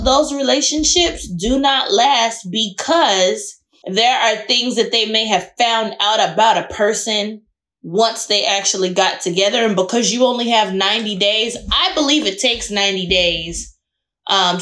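A woman co-hosting a casual chat podcast, giving firm opinions in drawn-out phrases. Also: mid-range voice, fairly bright tone. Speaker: podcast co-host.

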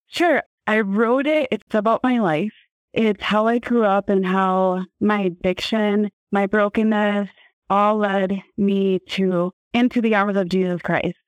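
A woman's voice: medium pitch, steady tone, unhurried, dry recording, low-quality recording. A woman author giving brief, plain answers in an interview. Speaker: author and guest.

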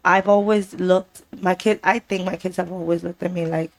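Co-host: low, gravelly woman with a New York accent, goofy and giggly, talks in broken phrases. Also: fairly even intonation, moderate pace. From the Bronx. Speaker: co-host, host's wife. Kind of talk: casual chat.

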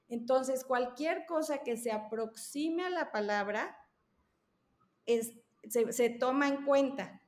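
High-voiced therapist, echoey room. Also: female voice. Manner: patient, explains with examples. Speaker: language therapist guest. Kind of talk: explanatory podcast conversation. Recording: roomy echo.

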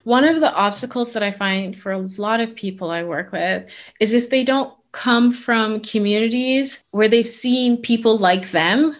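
Candid, fairly high-voiced woman from the Bahamas. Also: unhurried. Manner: candid, emphatic, laughs in disbelief at anecdotes. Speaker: interview guest, career coach. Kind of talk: conversational interview.

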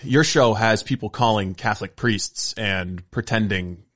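A man co-hosting a talk show, introducing calls casually with some hesitant pauses. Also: fairly low pitch, fairly bright tone. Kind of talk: casual chat.

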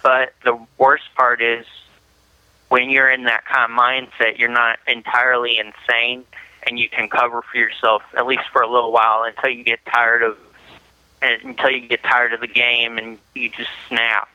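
A young man talking on a prison payphone line, in a flat, halting way with restarts. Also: medium pitch, clear, resonant tone, no room sound. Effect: prison payphone call line. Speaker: prison inmate. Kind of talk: interview over a prison phone. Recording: muffled prison phone line.

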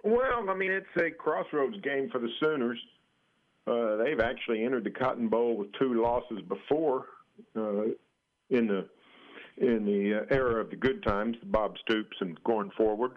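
An American man giving conversational sports analysis as a guest journalist, measured and matter-of-fact, with pauses. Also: mid-range voice. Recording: dull band-limited radio call-in sound.

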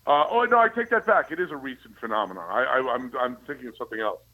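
A man's voice: medium pitch, lively intonation, fast, bright, forceful tone, rough recording. A man giving opinionated political talk as a commentator, with a sarcastic, conspiratorial ranting manner.

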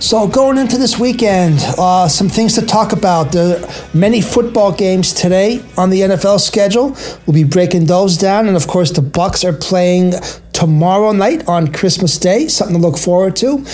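A man's voice: high voice, moderate pace, darkish tone, faint music behind. An American man hosting a sports radio show, talking through the games in a monologue.

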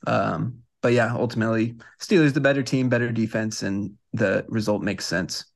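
A man's voice: lowish voice, steady tone, normal speed, vocal fry. A man co-hosting a casual sports podcast, easygoing and agreeable, with frequent ums. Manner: easygoing, agreeable, hesitant fillers. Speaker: podcast co-host.

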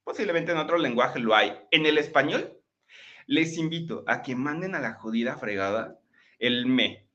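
A man's voice: mid-range voice, lively intonation, moderate pace, pushed and bright, lo-fi sound. A man giving a chatty live-streamed motivational talk, often checking in with his listeners. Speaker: motivational speaker. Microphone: laptop microphone.

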